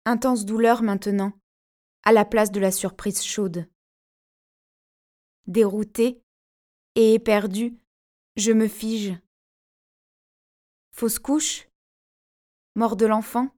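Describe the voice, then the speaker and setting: A woman's voice: medium pitch, fairly even intonation, slow, long pauses, dark tone, natural voice. A woman voicing an anxious young pregnant wife in an audiobook, speaking in intense, fragmented phrases. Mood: panicked. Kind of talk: audiobook character narration.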